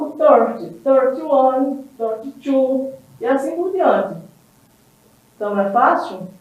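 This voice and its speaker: A woman with a fairly high voice teaches English on a TV class, speaking slowly and patiently. She often stops to check that everyone follows. She sounds distant, in a very echoey room, on a dull recording. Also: darkish tone. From Brazil. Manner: slow and patient, with many filler checks and repeats. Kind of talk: televised English lesson.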